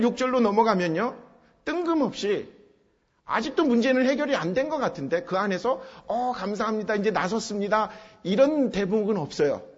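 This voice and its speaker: A man's voice: high voice, husky. A man preaching an expository sermon, explaining step by step and driving points home with emphatic repetition. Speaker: pastor. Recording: dull sound with long hall reverb.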